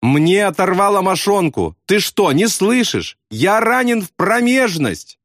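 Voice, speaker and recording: Wounded young airman, pleading and near tears, pitched high and strained; a male narrator puts him on. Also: big pitch swings, a little slow, a bit bright, no echo, clean studio sound, full character voice. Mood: desperate.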